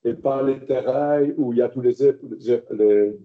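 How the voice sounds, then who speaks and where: A man chairing a council meeting as mayor, explaining at length with many hesitations, recorded with dull low-fidelity sound. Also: a little slow. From Belgium. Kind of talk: council debate. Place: council chamber.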